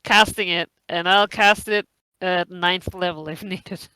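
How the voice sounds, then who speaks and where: A woman's voice: on the low side, fairly even intonation, a little slow, sharp tone, smooth, poor audio. A woman chatting casually as a player in a tabletop role-playing game.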